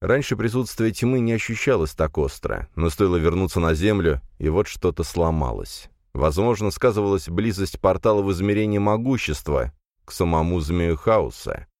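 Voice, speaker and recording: A man narrating a fantasy audiobook in a measured, dramatic manner. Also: low voice, animated, a little mellow, no room sound, clean studio sound.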